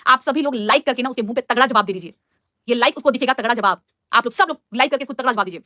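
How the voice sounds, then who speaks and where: A young adult woman on a live stream who talks fast and angrily, scolding and mocking the people she is fighting with. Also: fairly high pitch, bright, forceful tone, no echo, studio quality. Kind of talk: heated live-stream rant.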